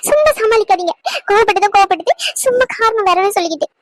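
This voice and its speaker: A woman's voice: extremely high pitch, fast, no echo. Woman voicing Anu, tearful pleading young wife. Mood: aggrieved.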